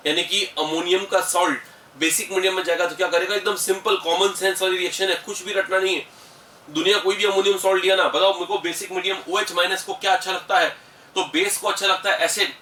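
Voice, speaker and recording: A high-pitched, bright-toned middle-aged man with an Indian accent lectures on chemistry in a patient, explanatory way, calling his students beta. He is recorded in an echoey room from some distance off the mic, with a faint hiss behind him. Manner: explanatory, addresses students as beta, mixes English terms. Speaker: chemistry teacher. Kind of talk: classroom lecture.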